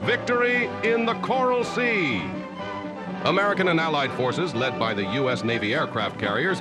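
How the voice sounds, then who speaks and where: A triumphant 1940s newsreel announcer, sounds high and full of swooping lift. The old newsreel narration comes in stirring and emphatic over loud music. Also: male voice, low-quality recording.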